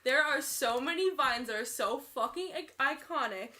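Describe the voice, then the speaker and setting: An excitable woman in a casual podcast chat, arguing emphatically. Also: high voice, moderate pace, a little hiss or hum.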